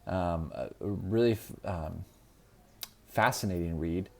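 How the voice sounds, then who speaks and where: Brief: deep-voiced male reviewer, relaxed and unscripted, plenty of filler words. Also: slow pace, vocal fry. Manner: unscripted, many ums and restarts. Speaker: book reviewer. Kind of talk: casual solo video review.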